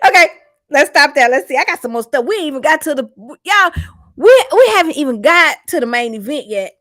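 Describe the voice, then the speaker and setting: Woman host, casual gossip livestream, animated, chatty, addresses the audience directly. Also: high-pitched, a little fast. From Mississippi. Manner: animated, laughs often, drawls and talks to viewers.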